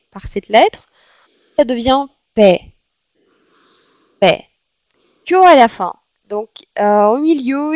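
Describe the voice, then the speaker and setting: A woman with a Russian accent gives a language lesson, repeating words and pausing with hesitant fillers as she explains. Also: sits high, no room sound. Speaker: Russian teacher.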